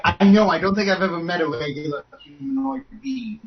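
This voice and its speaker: A man's voice: sits high, expressive, fairly quick, husky. A man playing a tabletop game with playful in-character banter, on a dull recording. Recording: dull lo-fi sound with crowd babble.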